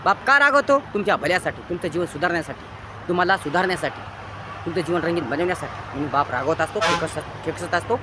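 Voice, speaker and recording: A man with a Marathi accent giving an impassioned moral lecture, preachy and repetitive, swinging between loud emphatic bursts and quiet low lines. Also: fairly even intonation, fast, background noise. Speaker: motivational speaker.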